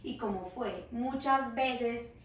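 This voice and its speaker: A woman psychologist, appearing as a podcast guest, speaks slowly in a slightly high voice, patiently explaining her ideas, acting out quoted reactions and often checking in with "¿cierto?". The mic is at a distance, with roomy echo and faint hiss.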